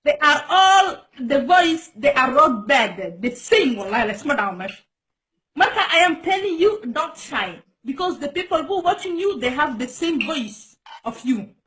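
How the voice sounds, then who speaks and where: A woman's voice: high voice, sing-song, unhurried, a bit bright, slight background noise. A Djiboutian woman whose first language is Somali, hosting a casual live-stream chat in broken English, repeating herself and coaxing her guest.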